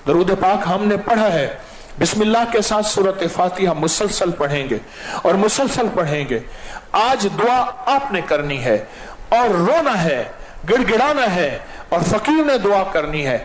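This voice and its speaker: A man preaching and leading a gathering in prayer, making announcements and urging heartfelt, tearful supplication. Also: high-pitched. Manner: impassioned, rising to loud pleading cries. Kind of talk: sermon and congregational prayer.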